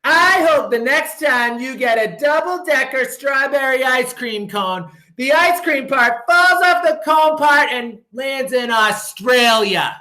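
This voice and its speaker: A man voicing a grumpy, put-upon young boy, pitched up high in a pleading, indignant way. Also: expressive, slow, hardly any pauses, sharp tone, heavily acted, poor audio. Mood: spiteful.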